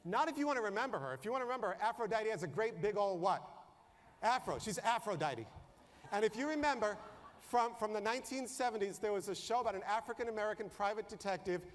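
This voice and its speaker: A man giving a humorous storytelling talk at a conference, animated and quizzing the audience. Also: high voice, quick pace, big-room sound. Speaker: conference speaker. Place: conference room before an audience.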